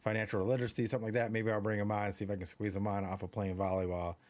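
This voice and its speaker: A man's voice: lowish voice, little pitch movement, rapid-fire. A man co-hosting a live stream, talking in a loose, rambling, chatty way with plenty of fillers. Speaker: podcast co-host. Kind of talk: casual live-stream chat.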